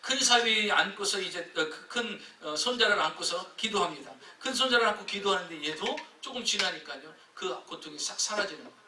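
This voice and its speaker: Bright-voiced pastor telling a sermon story. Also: male voice, sits high, brisk, few pauses. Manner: lively storytelling, acting out voices. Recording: echoey church hall from a distance.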